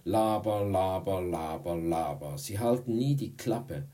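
A man's voice: low voice, measured pace, warm tone. A man voicing a cheeky, crude sixth-grade boy in an audiobook, with a mocking, mumbling manner. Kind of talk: audiobook reading.

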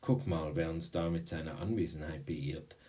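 A man's voice: extremely low pitch, fairly even intonation, moderate pace, dark tone. A man voicing a cheeky, crude sixth-grade boy in an audiobook, with a mocking, mumbling manner. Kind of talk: audiobook reading.

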